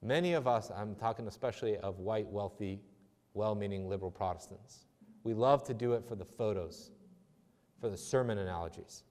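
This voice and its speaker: A man's voice: fairly low pitch, normal speed, a little mellow. Chatty male lecturer in a reverberant chapel. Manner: discursive, self-deprecating, frequent restarts. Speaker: theology lecturer giving a talk. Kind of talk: conversational public lecture answering questions.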